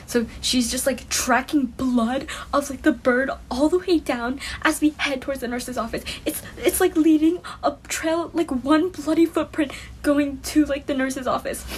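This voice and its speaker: A woman telling a comic story in an animated, dramatic way, with emphatic repeats and frequent checks of "okay?". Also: high-pitched, slight background noise.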